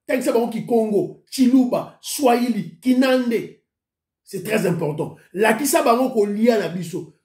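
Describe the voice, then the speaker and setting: A man's voice: high voice, a little mellow, reverberant. A man with a Congolese accent hosting his own online show, chatting casually and greeting his viewers one by one by name. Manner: greets commenters by name, mixes in Lingala. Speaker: YouTube show host.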